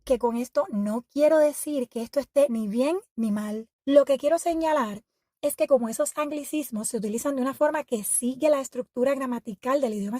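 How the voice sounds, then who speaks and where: A woman hosting an educational podcast, reading a scripted narration in a measured, reflective and explanatory way. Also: high voice, warm tone, no room sound, clean studio sound. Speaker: podcast host.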